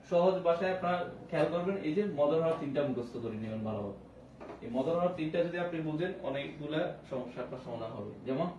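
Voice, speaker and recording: A man teaching an online Quran recitation class, spelling out letters and vowels, then chanting words slowly with long drawn vowels. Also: fairly high pitch, a little mellow, distant mic. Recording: roomy echo, voice away from the mic, faint background hum.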